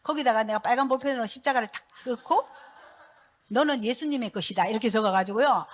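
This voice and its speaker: A middle-aged woman, a pastor's wife giving a church testimony in a lively, laughing storytelling manner. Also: a little high, quick pace.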